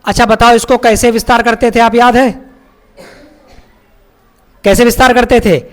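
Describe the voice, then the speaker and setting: High-voiced guy teaching maths, walks the kids through it step by step and keeps asking them stuff. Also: steady tone, normal speed. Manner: explains step by step, addressing students as child; asks pupils questions and checks their understanding. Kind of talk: classroom maths lesson.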